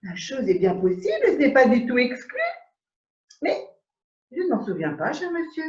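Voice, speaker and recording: A woman playing a prim English lady in an absurdist stage scene, speaking in measured, repetitive exclamations of polite surprise over a video call. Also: sits high, big pitch swings, darkish tone. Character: prim English lady, mildly astonished, formal. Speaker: amateur actor. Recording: dull echoey room audio.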